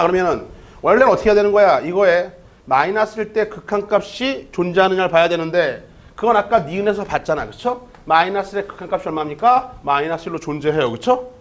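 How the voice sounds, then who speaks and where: A math teacher gives an online lecture in a fairly high male voice. He talks problems through step by step and keeps checking in with the listener. His delivery stays lively and engaged. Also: quick pace.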